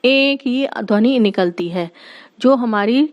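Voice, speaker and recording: Woman teacher, slow drawn-out speech, fairly high voice, patient explaining to children, muffled lo-fi recording. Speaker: school teacher. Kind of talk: slow Hindi grammar lesson for young children.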